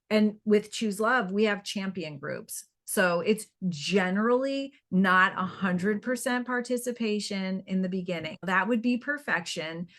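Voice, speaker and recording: Woman storyteller in an interview. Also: mid-range voice. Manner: animated, acts out quoted dialogue. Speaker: guest, nonprofit founder.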